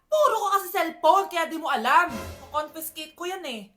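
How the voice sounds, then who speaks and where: High-voiced woman acting comedy skits. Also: animated, normal speed, bright, forceful tone. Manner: switches between scolding and sulky voices. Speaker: skit performer playing many roles.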